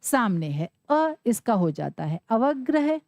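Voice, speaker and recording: Slow-speaking teacher woman. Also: fairly high pitch, big pitch swings, darkish tone, no echo, clean studio sound. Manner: asks questions and answers them herself, drawing out sounds. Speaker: Sanskrit grammar teacher. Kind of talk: classroom lesson explanation.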